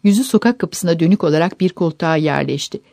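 Woman audiobook narrator; measured, warm, dry close-mic read. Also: fairly low pitch, vocal fry, dry recording. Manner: steady, measured storytelling.

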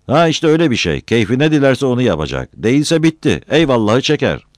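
A man's voice: medium pitch, very animated, a little fast, no echo, studio quality, pitched above the performer's own voice, lightly acted. A man voicing a blunt, mocking village elder with a drooping mustache.

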